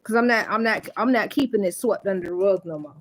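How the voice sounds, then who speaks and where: Mother venting on camera, blunt and profane, mid-pitched woman's voice. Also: fast talker.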